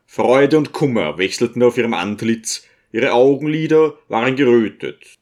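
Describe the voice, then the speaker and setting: Reading from a classic novel, this male narrator uses his mid-range voice to deliver scripted audiobook narration in a steady, measured way.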